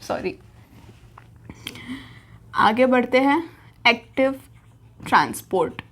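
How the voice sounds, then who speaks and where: Young woman teacher, high voice, chatty board lesson, keeps repeating the key terms. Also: lively intonation, slow pace. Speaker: biology teacher. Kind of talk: whiteboard lesson in Hindi.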